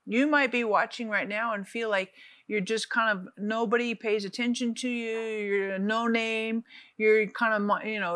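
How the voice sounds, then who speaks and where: A woman's voice: mid-range voice, a bit bright, dry recording. Earnest woman preaching, dry studio sound. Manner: earnest, slows down on key phrases, repeats for emphasis. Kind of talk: encouraging televangelist teaching.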